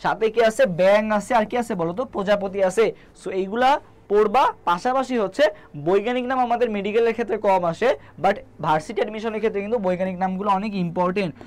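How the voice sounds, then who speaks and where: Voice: medium pitch, a little fast. Bangladeshi bengali tutor on a live stream, keeps quizzing the class and answering back. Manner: quizzing, asks and answers own questions; reads viewer names from comments. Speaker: biology tutor. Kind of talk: live online class teaching.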